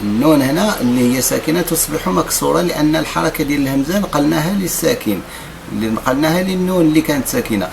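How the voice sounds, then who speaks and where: A man's voice: a little high, creaky, noisy background. Moroccan man teaching Quran recitation. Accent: Moroccan Arabic. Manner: alternates drawn-out chanted recitation with quick explanations. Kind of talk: tajweed lesson with slow demonstrative recitation.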